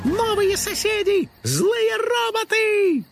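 A man voicing an excitable, boastful young male house spirit who plays detective. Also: high-pitched, moderate pace, vocal fry, faint music behind, pitched above the performer's own voice, heavily acted. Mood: panicked. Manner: boastful, panicky, shrieking.

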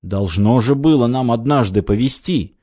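A man reading an audiobook, voicing a pushy, scheming male construction director who coaxes and urges loudly. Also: medium pitch, normal speed, dry recording, muffled recording, close to an everyday voice. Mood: urgent coaxing. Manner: coaxing, urgent, exclamatory.

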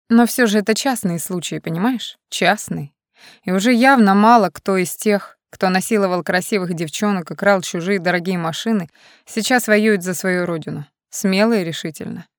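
A woman reading the part of a serious, self-assured man who leads a militia, speaking in a measured, lecturing way. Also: medium pitch, no room sound, studio quality, close to an everyday voice. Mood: reflective.

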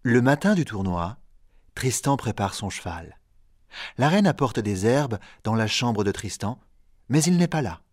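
Calm male audiobook narrator, dry sound. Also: mid-range voice, unhurried, no room sound. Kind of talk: scripted audiobook narration for learners.

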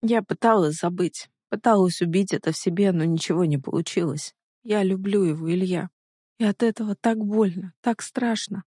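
A woman's voice: fairly low pitch, animated, moderate pace, darkish tone, no room sound. A reader voicing a stubborn, hurt young woman in a storybook reading, pleading and emotional, in a dry recording. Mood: tearful.

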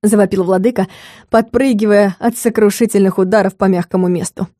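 A woman narrating a comic fantasy audiobook in a measured, expressive way. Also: medium pitch, no echo, clean studio sound.

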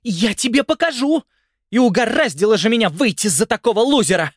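A man's voice: high-pitched, lively intonation, a little fast, dry recording, studio quality, pitched above the performer's own voice. A man voicing a hysterical, screaming wife in a domestic brawl, reading an audiobook. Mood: furious. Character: brawling shrieking wife, furious and shrill.

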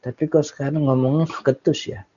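A man's voice: medium pitch, level tone, fairly quick, mellow, slightly rough. A man giving a casual Islamic study lecture, explaining Arabic text phrase by phrase in a chatty way with small laughs. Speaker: Islamic religious teacher. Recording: dull lo-fi audio recording.

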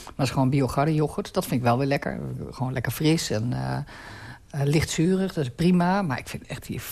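A woman's voice: extremely low pitch, a little fast, darkish tone. A woman in her forties, a radio interview guest talking frankly and with strong opinions. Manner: frank and opinionated, with emphatic dislikes. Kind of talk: relaxed radio interview about food.

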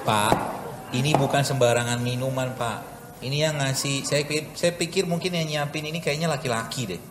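A man's voice: mid-range voice, normal speed. A man, a doctor, giving a chatty, joking live health talk with a cooking demo to an audience in a large hall. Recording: echoey hall with room noise.

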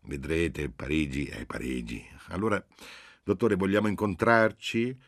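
Man voicing a jovial hearty cop, loud, overly familiar, deep booming voice, dry audiobook sound. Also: steady tone, a little slow, dry recording. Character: jovial hearty male police agent. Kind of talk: audiobook reading.

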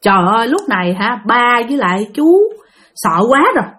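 A woman with a Southern Vietnamese accent telling a ghost story to her listeners in a lively, chatty way, acting out the voices of the people in it. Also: on the high side, brisk. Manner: lively, addresses listeners directly, acts out voices. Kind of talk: spoken ghost story narration.

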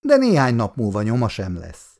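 A man's voice: mid-range voice, huge pitch swings, vocal fry, darkish tone. A male reader voicing a dry, matter-of-fact grown brother. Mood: wry. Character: wry grown brother, helpful.

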